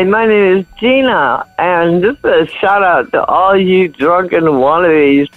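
A woman's voice: mid-range voice, no room sound. Tipsy woman on a tinny phone line. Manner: rambling, giggly, chuckles between sentences. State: tipsy from morning drinking. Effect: heard over a landline phone voicemail. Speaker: caller leaving a voicemail. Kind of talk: casual phone message.

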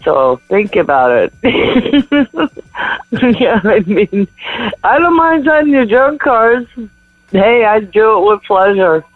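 A woman's voice: mid-range voice, very animated, slow pace, dry recording. A tipsy woman leaving a rambling, giggly voicemail over a landline phone. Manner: rambling, giggly, chuckles between sentences. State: tipsy from morning drinking. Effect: heard over a landline phone voicemail. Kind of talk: casual phone message. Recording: tinny dry phone line.

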